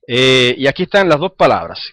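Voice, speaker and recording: A man of middle pitch leads a scripture study lesson in a steady teaching voice. He reads verses out slowly and with weight, then explains them in a relaxed classroom way, stopping often to check that his listeners are following. The sound is dry and close, with almost no room echo. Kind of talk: Bible study lecture.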